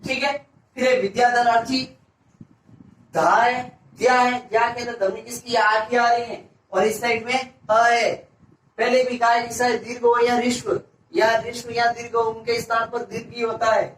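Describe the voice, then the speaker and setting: High-voiced teacher quizzing and answering himself. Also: male voice, flat delivery, moderate pace, fairly bright tone. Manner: asks a question and answers it himself, repeating each answer. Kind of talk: classroom-style grammar lesson. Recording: echoey room, voice from a distance, faint hiss.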